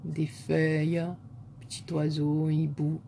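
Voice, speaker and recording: A woman with a southern French accent, a scrapbooking vlogger softly admiring crafts one by one in a casual show-and-tell chat. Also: deep voice, monotone, slow pace, gravelly, slight background noise.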